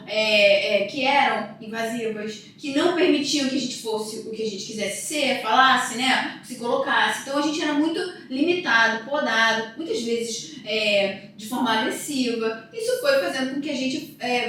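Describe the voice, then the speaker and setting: Psychologist guest, thirties woman, high pitch, reverberant distant sound. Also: normal speed, hardly any pauses, fairly bright tone. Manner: storytelling, emphatic. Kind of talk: casual podcast conversation. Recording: echoey room, voice from off-mic.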